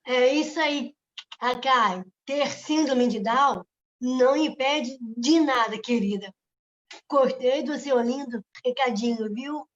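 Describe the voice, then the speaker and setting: Slow, affectionate woman on dull audio. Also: high voice. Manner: affectionate and praising. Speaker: co-host of an online event. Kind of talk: moderating an online event. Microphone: video call.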